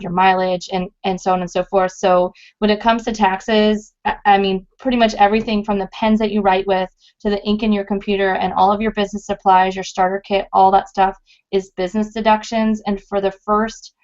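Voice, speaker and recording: A woman's voice: medium pitch, darkish tone, highs cut off. Chatty woman explaining business tips. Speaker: sales director, co-host. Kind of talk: round table chat.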